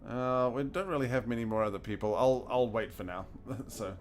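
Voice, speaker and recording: With faint music behind him, this New Zealand-accented man talks casually through a video game as a streamer, thinking out loud and laughing a lot. His voice is mid-range and his pace fairly quick.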